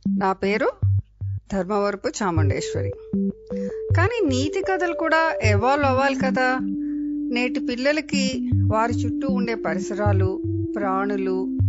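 An older woman hosting a storytelling podcast, narrating children's tales in a lively way and voicing the characters. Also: on the high side, highs cut off.

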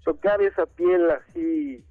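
A man's voice: on the high side, slow, dry recording. A man with a Mexican accent calling in to a radio show over the phone, joking and chummy in a casual chat. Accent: Mexican Spanish. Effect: phone line call-in. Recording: tinny dry phone line, faint music.

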